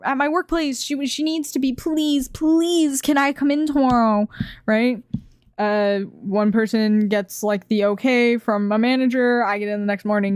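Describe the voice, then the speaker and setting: A woman streamer telling a workplace story to her chat in a casual, animated way, swearing freely. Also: a little high, smooth, no echo, studio quality. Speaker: streamer reacting to videos.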